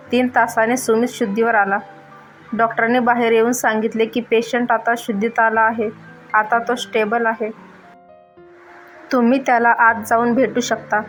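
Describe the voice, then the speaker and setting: Woman narrating a story in an even voice. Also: a little high, rough recording. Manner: even, measured reading. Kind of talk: scripted narration of a family story. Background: soft background music.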